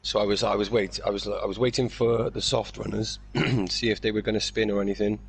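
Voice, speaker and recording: Excited racer, low voice. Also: male voice, brisk, vocal fry. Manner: excited, repeats himself. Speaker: race winner. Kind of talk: post-race interview.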